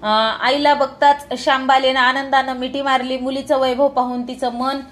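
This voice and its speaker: High-voiced woman reading a devotional tale. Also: level tone, fairly bright tone. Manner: rhythmic, measured phrasing. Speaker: storyteller.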